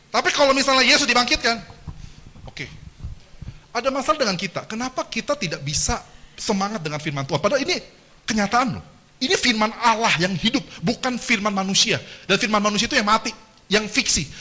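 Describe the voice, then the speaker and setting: Animated man lecturing a seminar. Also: high voice. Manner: animated, engages the audience with questions and jokes. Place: lecture hall.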